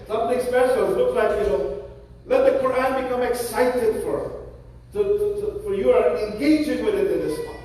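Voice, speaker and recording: A man's voice: on the high side, dark tone. A man, an imam, giving a Friday sermon in a mosque, talking in a practical, conversational way with frequent restarts. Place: large mosque prayer hall. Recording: echoey hall from far off.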